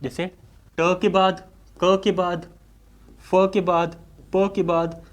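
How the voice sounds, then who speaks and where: A man with a Hindi accent gives an exam-prep lecture in a somewhat higher voice. He keeps posing questions and answering them himself, stretching out the sounds he demonstrates. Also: little pitch movement, drawn-out words. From India. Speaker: English teacher.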